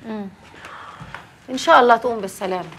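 A blunt Egyptian woman, rapid-fire. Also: fairly high pitch, a bit bright, a little hiss or hum. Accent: Egyptian Arabic.

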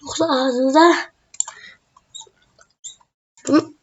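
A woman's voice: high-pitched, steady tone, extremely slow, dull audio. A woman giving casual game commentary, playful and swearing jokingly. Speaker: gamer.

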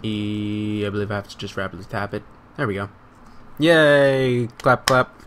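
Recording a let's play, a gamer mutters casual commentary to himself, swearing and repeating phrases as he goes. His voice sits on the low side, a bit bright, with fairly even intonation and a normal pace. Some faint hiss or hum is audible.

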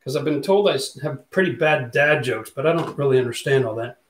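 A forties-aged livestream host chats casually and reads viewers' comments aloud, his medium-pitched voice fairly bright in tone and a little fast. He records in a reverberant home studio room through a studio mic on a boom arm.

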